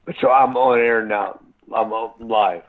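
A man phoning into a radio show, his voice fairly low and squeezed thin through a crackly, tinny cell phone line that keeps breaking up. He rambles along, cursing freely and stumbling over his words. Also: steady tone, a little slow. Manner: profane, stammering with many restarts. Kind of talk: rambling live call-in chat.

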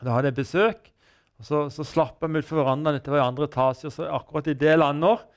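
A middle-aged man giving an earnest personal testimony in an interview, halting with many restarts. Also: fairly high pitch. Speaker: guest telling his testimony.

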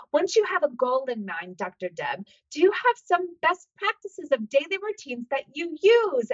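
A woman's voice: on the high side, fairly bright tone, lo-fi sound. An American woman doctor hosting a podcast, talking in an upbeat, motivational way with many fillers. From United States. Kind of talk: solo podcast talk.

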